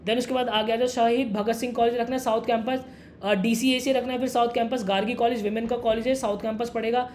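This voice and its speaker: A young man explains things quickly and casually, calling the listener "brother". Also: very high-pitched, level tone, darkish tone, slight background noise. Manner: fast, brotherly, addresses viewer as "mere bhai". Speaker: education YouTuber. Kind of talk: casual explainer talking to camera.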